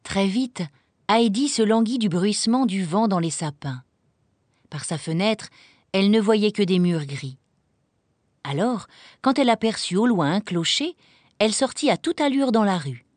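A woman narrating a children's storybook, reading in an expressive, animated way. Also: mid-range voice, moderate pace, no echo.

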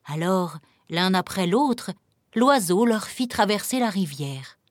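A woman narrating a fairy tale in a calm, measured reading with dramatic pauses. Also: mid-range voice, faint music behind. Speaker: storyteller.

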